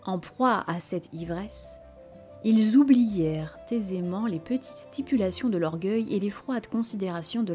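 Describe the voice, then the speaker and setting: Woman reading an old novel out loud, calm measured pace, mellow warm voice, faint music under it. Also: medium pitch. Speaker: audiobook narrator. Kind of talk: scripted literary narration.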